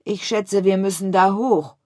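A woman's voice: medium pitch, measured pace, dark tone, dry recording, clean studio sound, pitched above the performer's own voice, natural voice. A woman voicing a timid, complaining fat male mouse in a storybook reading. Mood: hesitant. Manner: complaining, fearful.

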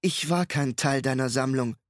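A man's voice: medium pitch, moderate pace, no echo, clean studio sound, close to an everyday voice. A man voicing a defiant young woman in an audiobook, speaking tersely. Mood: quiet firm. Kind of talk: audiobook reading.

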